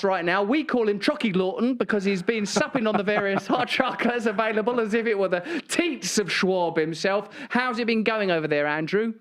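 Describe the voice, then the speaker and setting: High-voiced guy hosting, jokey and theatrical, mocks stuff a lot. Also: a bit bright. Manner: mocking, theatrical, quick to laugh. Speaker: host. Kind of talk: comedic interview chat.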